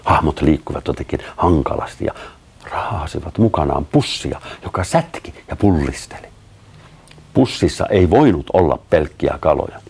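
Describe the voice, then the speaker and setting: Deep, gravelly man reading a children's story. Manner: expressive storytelling with lively voiced dialogue. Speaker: narrator.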